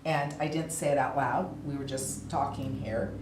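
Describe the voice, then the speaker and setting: A woman's voice: a bass voice, steady tone, normal speed, a little mellow, a little hiss or hum. A woman school board member, chatty and self-deprecating, telling a story in a work session. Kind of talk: casual meeting discussion. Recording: echoey meeting room.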